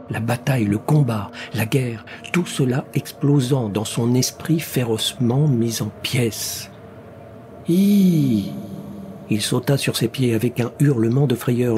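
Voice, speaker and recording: A male audiobook narrator reads with a measured, dramatic delivery. He keeps an unhurried pace at a middle pitch. A noticeable hiss of ambience sits under the voice. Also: a little mellow. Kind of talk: scripted narration.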